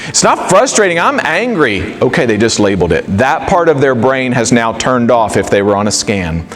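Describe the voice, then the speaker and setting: A middle-aged man giving an animated, conversational talk to a live audience, acting out quoted dialogue. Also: mid-range voice, a little fast, soft background music. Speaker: speaker.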